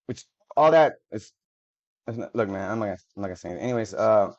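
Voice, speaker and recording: His voice is lowish and a little mellow, fast with lively intonation. The video creator reads official papers aloud on camera, fumbling words and cutting away for casual swearing asides, recorded in dull lo-fi sound.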